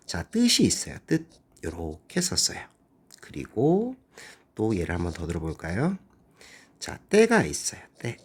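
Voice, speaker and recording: Male teacher, lively and husky, lecturing a class and quizzing students as he goes. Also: a little slow. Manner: explains step by step, asks the class questions; lively, animated pitch. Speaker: Korean language teacher.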